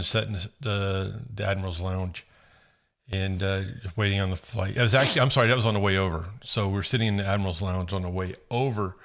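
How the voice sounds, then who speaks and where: A man from Florida co-hosting a casual podcast, telling rambling stories full of restarts and quick impressions. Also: deep voice, fairly bright tone. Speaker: podcast co-host. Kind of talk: casual chat.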